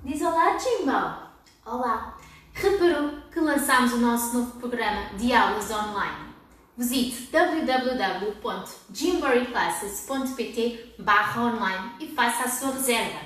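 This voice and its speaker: A woman's voice: fairly high pitch, animated, measured pace, fairly bright tone. A young woman with a European Portuguese accent, speaking in a kindergarten teacher voice, prompting small children with questions as she leads a play class. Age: young adult. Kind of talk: demonstrating a children's game to camera. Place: padded indoor children's playroom. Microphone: camera several metres away. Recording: very echoey room, distant microphone.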